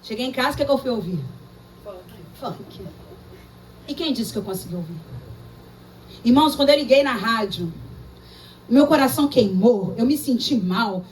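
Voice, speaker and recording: A woman pastor with a Brazilian Portuguese accent, preaching a lively, emphatic sermon full of personal stories. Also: on the high side, normal speed, pauses often, slight background noise. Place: church service. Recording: distant mic with faint room ambience.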